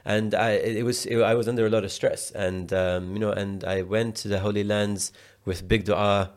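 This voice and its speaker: A man's voice: fairly low pitch, level tone, moderate pace. A man from the UK, a podcast guest telling a personal story in a slangy, casual way, often restarting and repeating words.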